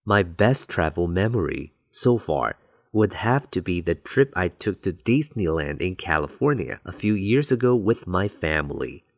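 A man with a deep, low voice gives a bilingual English lesson. He explains phrases clearly and deliberately, like a teacher walking students through a model answer. The sound is dry and close, with no room around it. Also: very animated, dry recording.

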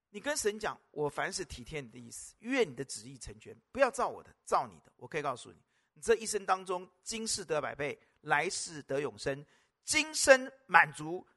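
Male pastor for a sermon: high, bright voice with wide pitch swings, emphatic, repeats phrases and keeps asking the congregation questions.

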